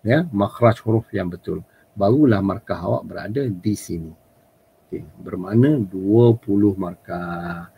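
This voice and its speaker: A man with a Malaysian Malay accent, a religious studies teacher running a live exam workshop, modelling Arabic recitation slowly and correcting pronunciation. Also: sits low, gravelly, breathy edge, lo-fi sound. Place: online live session.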